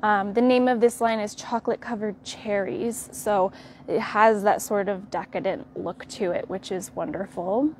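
A young woman with an American accent hosting a live tour of a quilt fabric shop, walking the aisles and showing products in a friendly, unhurried way. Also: medium pitch, fairly even intonation, slight background noise. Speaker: quilt shop staff host.

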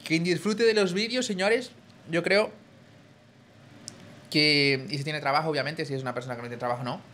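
A man's voice: a little high, normal speed, fairly bright tone, slight background noise. A young man from Spain with a Spanish accent, chatting casually with his viewers on a live stream. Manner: chatty, addresses chat as tío.

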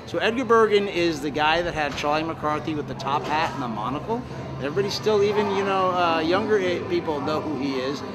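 A man's voice: on the high side, a little fast, music in the background, low-quality recording. An American man in his sixties, chatting in an upbeat, casual interview as a ventriloquist. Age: 60s. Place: large open-sided fairground shed.

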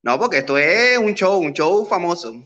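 A man's voice: sits high, animated, normal speed, pushed and bright, lo-fi sound. Man playing a sassy Cuban woman. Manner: sassy, boastful, playful. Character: brash flirty Cuban woman, 29, single. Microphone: video call.

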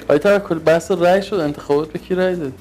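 Probing male interviewer, slightly high voice. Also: darkish tone, faint music behind. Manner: probing, direct questioning. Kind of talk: interview questions.

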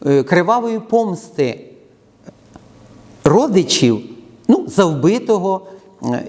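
Lively lecturing man in a reverberant hall. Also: fairly high pitch. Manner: unscripted, many hesitations. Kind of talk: educational lecture.

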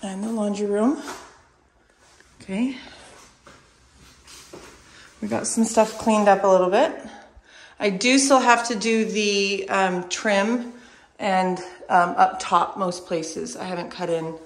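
A woman's voice: medium pitch, fairly even intonation, slow, long pauses. A tired woman chatting casually to camera as she shows rooms of her house under renovation. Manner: chatty, showing things to camera. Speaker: vlogger. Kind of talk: casual home renovation vlog.

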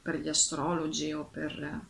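A woman's voice: deep voice, monotone, unhurried, creaky, fairly bright tone, slight background noise. A woman casually reading a storybook aloud and reflecting on it, in a thoughtful, slightly hesitant way.

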